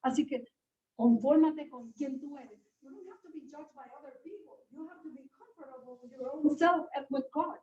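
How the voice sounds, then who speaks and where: Woman, church class teacher, high voice, earnest exhorting, dull roomy recording, faint hiss. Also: moderate pace, warm tone. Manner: earnest, exhorting, switches between Spanish and English. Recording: distant, roomy, dull sound with faint noise.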